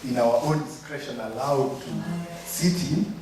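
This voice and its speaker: A man's voice: medium pitch, a little slow, over loud music. Man chairing a forum, echoey hall. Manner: hesitant, many fillers. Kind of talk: opening remarks at a meeting. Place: hotel conference room. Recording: echoey conference hall, mic far off, noisy.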